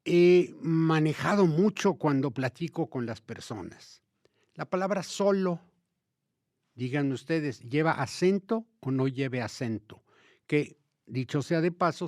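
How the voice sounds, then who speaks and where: A man's voice: on the high side, no room sound, clean studio sound. Emphatic Mexican man explaining Spanish usage. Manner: lively, emphatic, addresses listeners directly. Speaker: host of a language talk show. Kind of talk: conversational explanatory talk.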